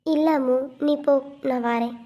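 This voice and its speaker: A woman voicing a gentle young pregnant wife in a cartoon, speaking softly and plaintively. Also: high voice, fairly even intonation, moderate pace, dull audio, lightly acted. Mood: sad. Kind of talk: cartoon web series voice acting.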